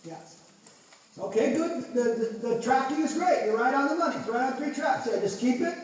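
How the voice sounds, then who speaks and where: A man's voice: very high-pitched, lively intonation, moderate pace. A man coaching a horse riding lesson, calling out short encouraging instructions and counts, recorded from a distance in a large indoor arena. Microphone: distant camera at the arena edge. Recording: echoey hall from far off, faint noise.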